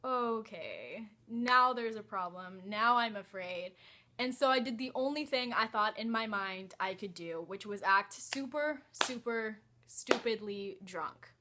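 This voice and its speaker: A woman's voice: medium pitch, expressive, unhurried, pushed and bright. A young woman telling a personal story in a casual vlog, hesitant and full of "like" and "um". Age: young adult. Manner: hesitant, many "like" and "um" fillers. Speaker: vlogger.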